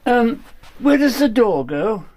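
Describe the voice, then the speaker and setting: A man's voice: very high-pitched, sing-song, slow pace, a little mellow, exaggerated voice. An actor playing a confused elderly man visiting a care home in a radio drama. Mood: puzzled.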